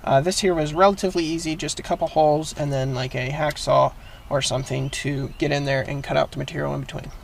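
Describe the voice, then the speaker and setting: Quick-paced and steady in tone, a man with a high-leaning voice and some vocal fry explains a hands-on task in a casual, plain-spoken DIY tutorial. A little hiss or hum sits under the audio.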